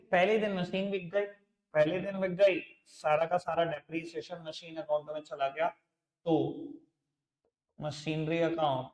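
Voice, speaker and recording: A man teaching accounts in a live classroom lecture, chatty and familiar with his students, mixing in English terms. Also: sits high. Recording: echoey classroom.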